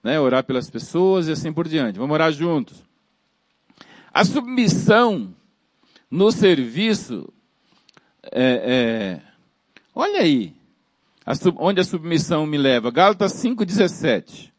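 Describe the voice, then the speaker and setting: Preacher, high tenor, emphatic and repetitive, dry close recording. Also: male voice, big pitch swings, unhurried, pauses often, no room sound. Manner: emphatic, repeats phrases and calls out to the congregation. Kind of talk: sermon.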